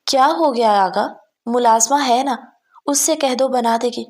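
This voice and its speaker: A woman voicing a caring, fussing middle-aged aunt. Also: a little high. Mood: concerned. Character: older aunt, motherly and concerned.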